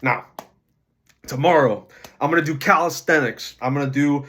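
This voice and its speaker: A man's voice: on the high side, fairly bright tone. Chatty young man logging his diet. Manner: chatty, rattles off food numbers quickly. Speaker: vlogger tracking diet and weight loss. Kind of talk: casual daily vlog to camera.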